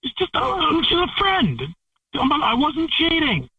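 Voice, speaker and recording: A man's voice: very high-pitched, big pitch swings, a little slow, no echo. A man on a phone call to a radio show, defending himself with stammering denials. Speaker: caller being confronted on a radio prank call. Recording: tinny phone line, distant from the mic.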